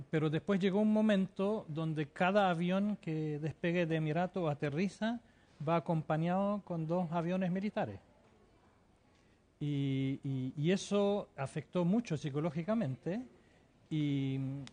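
In a slightly high, somewhat mellow voice, a TV interview guest based in the Emirates responds with fervor and insistence. He frequently stumbles, pausing and saying words over again.

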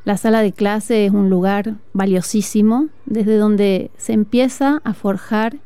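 A woman with a northern Argentine accent speaks as a guest music teacher, earnest and reflective, with a few thoughtful fillers. Her voice is warm and mellow, smooth and resonant. She talks outdoors in a school patio. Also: medium pitch, fairly even intonation, measured pace, no echo. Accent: northern Argentine Spanish. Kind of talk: conversational interview.

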